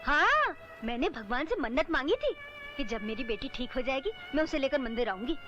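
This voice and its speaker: A woman's voice: high-pitched, sing-song, lo-fi sound, over music. A woman playing a fussing, devout old mother. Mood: bustling. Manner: brisk, fussing commands. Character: grief-addled older mother, bossy and devout.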